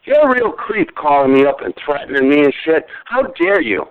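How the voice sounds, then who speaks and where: Man, forties, furious and swearing, high and swooping voice, phone-line audio. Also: very animated, a little fast, clear, resonant tone. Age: 40s. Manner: furious, swearing, repeating himself. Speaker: call recipient. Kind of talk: heated phone argument.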